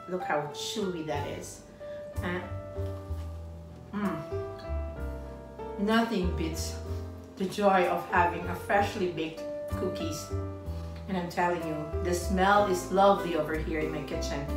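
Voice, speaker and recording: A middle-aged woman with a Filipino accent chattily narrating a recipe as a home baking host, with playful asides. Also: fairly low pitch. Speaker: home baker hosting a cooking vlog. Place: home kitchen, indoors.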